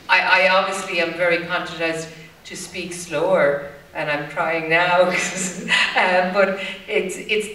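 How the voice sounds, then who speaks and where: A woman's voice: fairly low pitch, fairly bright tone, distant mic. A woman from Ireland with a Limerick accent, answering candidly on a conference panel, with many fillers and restarts. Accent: Irish, Limerick. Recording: roomy hall, voice from the mic.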